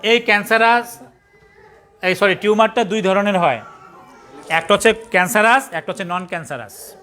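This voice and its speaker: A Bangladeshi man leads a pathology class in a classroom, his voice pitched high and bright. He fires questions at the students and spells out medical words letter by letter. He jokes and scolds in a casual way. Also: moderate pace. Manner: quizzing the class with call-and-response, spelling terms out letter by letter; scolding latecomers and joking in colloquial speech. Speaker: pathology trainer. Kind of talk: classroom lecture.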